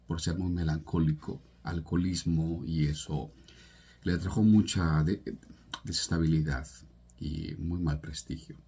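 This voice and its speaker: A man's voice: a bass voice, darkish tone, slightly rough. A man from El Salvador giving an earnest, informal talk on a poet's life and legacy, with restarts and emphatic rises. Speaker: literature presenter.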